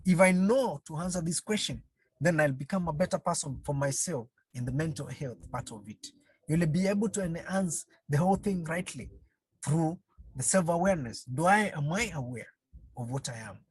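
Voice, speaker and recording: An animated counselling trainer with a breathy edge and medium pitch presents an online webinar via video call. The pace is slow and halting, with repeated phrases and frequent rhetorical questions to listeners. The audio is poor, though without echo.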